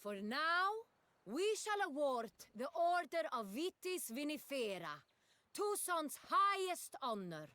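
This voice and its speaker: An actress voicing a self-assured, gracious duchess in a video game, with stately, poised, formal delivery. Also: female voice, high-pitched, sing-song, slow, sharp tone, dry recording, full character voice. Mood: proclaiming, stately.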